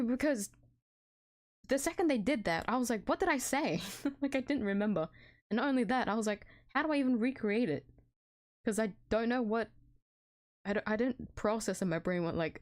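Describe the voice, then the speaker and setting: An Australian woman streams a game from home with casual let's-play chatter, giggly and self-deprecating, often tripping over her words. Her mid-range voice is animated and moderately paced, with faint music in the background.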